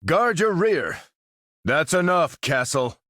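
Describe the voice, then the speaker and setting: An actor with an American accent playing a dutiful, resolute soldier who commands a superhero team in a video game, firm and plain-spoken. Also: male voice, a little high, very animated, slow, sharp tone, dry recording, clean studio sound, full character voice. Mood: urgent, commanding. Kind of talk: video game character voice lines.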